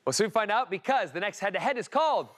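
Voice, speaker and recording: A man's voice: high-pitched, sing-song, quick pace, very noisy. A man hosting a TV quiz show in a studio, upbeat and playful with the contestants. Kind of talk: lively game show hosting. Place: TV studio with live audience. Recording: broadcast studio with music and crowd. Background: music and studio crowd.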